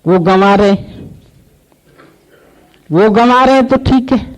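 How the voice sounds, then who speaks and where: Male preacher, satsang sermon, measured and repetitive, high voice, slow. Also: poor audio. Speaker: spiritual preacher.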